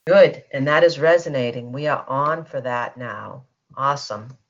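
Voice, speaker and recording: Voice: mid-range voice, normal speed. A facilitator leading a guided energy-healing session, speaking in a soothing way and prompting listeners to repeat statements. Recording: dull lo-fi teleconference line.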